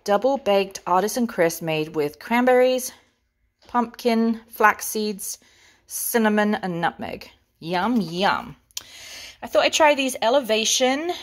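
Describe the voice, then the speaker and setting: A woman's voice: mid-range voice, lively intonation, slow. Chatty English woman showing off groceries. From England. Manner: chatty, playful, savoring each item. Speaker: vlogger. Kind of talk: grocery haul show-and-tell.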